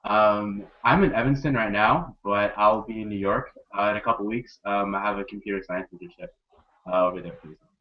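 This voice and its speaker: Low-voiced young man with many ums. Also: brisk. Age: young adult. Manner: hesitant, many ums and likes. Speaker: student peer advisor. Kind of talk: casual panel chat. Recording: dull lo-fi audio.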